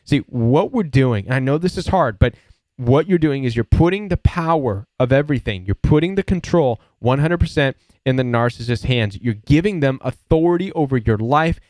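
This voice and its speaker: A man's voice: medium pitch, expressive, moderate pace, a little mellow, no room sound, studio quality. A man hosting a live support show, answering viewer questions in an earnest, emphatic way and repeating his key points.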